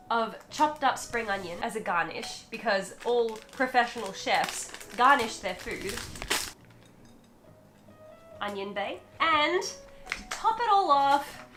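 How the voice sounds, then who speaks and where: A woman's voice: a little high, takes it slowly, long pauses, reverberant, faint music behind. A young woman chatting casually as she tastes and rates cheap convenience store food in a hotel room. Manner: chatty and animated, tasting and commenting on food. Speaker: food vlogger.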